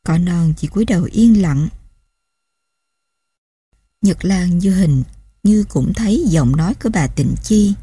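A woman narrates a novel in steady, emotive storytelling. Her voice is mellow and husky, at a middle pitch. It is recorded close and dry. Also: measured pace, pauses often, dry recording. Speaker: audiobook narrator. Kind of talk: scripted narration.

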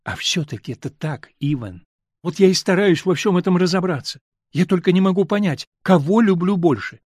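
A male reader voicing a gentle, confused woman torn between two men, talking in an earnest, wavering way. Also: sits high, animated, brisk, dry recording, clean studio sound, pitched above the performer's own voice.

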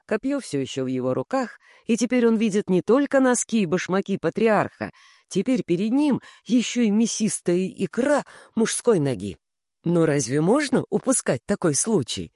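A man's voice: sits high, sing-song, normal speed, a little mellow, dry recording, clean studio sound. A man reading an action story aloud as narrator. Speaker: audiobook narrator. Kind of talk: scripted narration.

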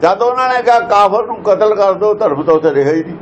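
A man with a somewhat high voice explains scripture verses, stressing points and firing rhetorical questions at his listeners. The recording is dull and lo-fi, with a faint hiss underneath. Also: animated, fast. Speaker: scripture teacher.

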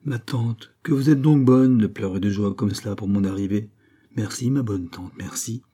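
A man's voice: fairly low pitch, normal speed, dark tone, breathy edge. A man reading a novel aloud, voicing a cheeky young man who talks with mocking, pompous grandeur. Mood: mock-sweet.

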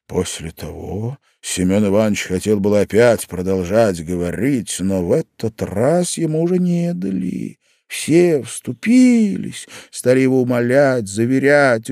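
A man reading a classic story aloud in a measured, expressive audiobook narration on a studio microphone. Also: mid-range voice, no echo. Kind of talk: scripted literary narration.

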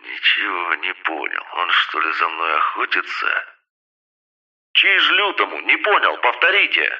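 A man's voice: sits low, big pitch swings, measured pace, sharp tone, exaggerated voice. A man reading an audiobook voices terse male soldiers speaking over a walkie-talkie radio. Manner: terse clipped radio talk. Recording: distant muffled radio sound.

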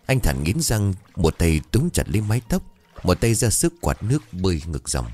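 A man narrating a ghost story in a dramatic, expressive way. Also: low-pitched, moderate pace. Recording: dry close voice, faint music.

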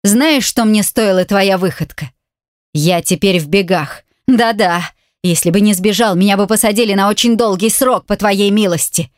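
A woman's voice: medium pitch, normal speed, dry recording, studio quality, close to an everyday voice. A woman reading an audiobook voices a furious, brutal man who snarls threats and insults. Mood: menacing. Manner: snarling, menacing, shouting insults.

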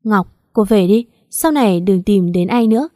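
A woman's voice: medium pitch, lively intonation, moderate pace, warm tone, dry recording, clean studio sound, close to an everyday voice. A woman voicing a firm, scolding young husband who is a policeman. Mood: stern.

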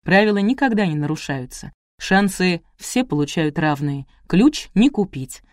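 A woman's voice: lowish voice, expressive, normal speed, dry recording, clean studio sound, lightly acted. A woman reading aloud as a theatrical young male host running a store contest. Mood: showy. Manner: shouting, theatrical.

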